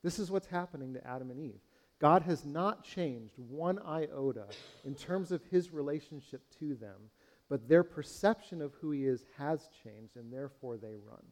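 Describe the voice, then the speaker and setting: A male pastor delivers a sermon in an earnest, questioning manner. His voice sits slightly high for a man yet sounds mellow and warm. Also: expressive, moderate pace. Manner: earnest, questioning, speaks to the congregation as friends.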